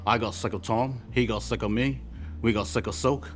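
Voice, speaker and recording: A man's voice: medium pitch, steady tone, moderate pace, a little hiss or hum. A man, a band member speaking bluntly and openly about himself in a documentary interview. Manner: blunt, confessional.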